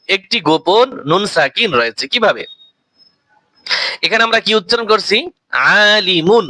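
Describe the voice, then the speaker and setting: A man's voice: high voice, sharp tone, dry recording, low-quality recording. A man teaching Quran reading, who spells out letters and vowel marks, stretches each finished word into a long chanted tone, and repeats his key points as questions to the learner. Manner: drawn-out sung recitation of each word.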